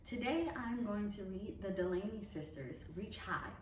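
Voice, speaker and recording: A club president hosts a children's reading series, giving a welcome speech to families and then narrating a storybook aloud in an expressive, carefully enunciated way. She has a medium-pitched voice and a moderate pace. The mic is distant, with roomy echo and background noise.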